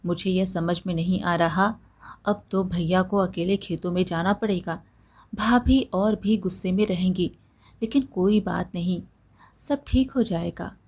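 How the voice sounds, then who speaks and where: Storybook role: a soft-spoken, devoted young wife, gentle and husky, read by a woman. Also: on the low side, unhurried. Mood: meek. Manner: soft, submissive. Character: meek devoted young wife, patient and kind.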